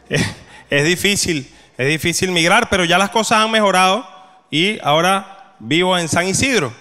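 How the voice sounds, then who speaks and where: A young adult man with a Venezuelan Spanish accent performing a stand-up comedy set, telling deadpan stories and acting out the voices of the people he meets. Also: high voice, normal speed. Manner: deadpan storytelling, acts out quoted voices. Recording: long hall reverb.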